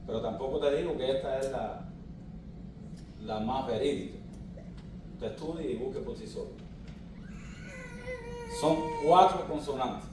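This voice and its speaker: A man's voice: mid-range voice, background noise. A man preaching a teaching sermon as pastor, explaining patiently and asking his congregation questions. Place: church hall. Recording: echoey hall, mic at a distance.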